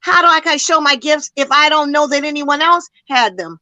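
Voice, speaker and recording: A woman's voice: sits high, normal speed, bright, forceful tone, no room sound, low-quality recording. A woman community educator speaking with passion in a panel discussion, emphatic and full of rhetorical questions, a little out of breath.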